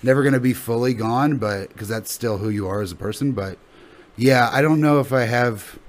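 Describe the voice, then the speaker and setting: A man's voice: mid-range voice, moderate pace. A male comedian being interviewed in a casual podcast chat, thinking aloud in rambling, sweary sentences. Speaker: stand-up comedian guest.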